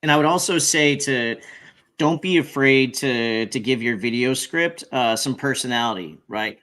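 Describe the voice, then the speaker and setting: A man hosting a casual talk show, relaxed as he offers tips with plenty of fillers. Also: medium pitch, moderate pace. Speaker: host. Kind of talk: casual chat.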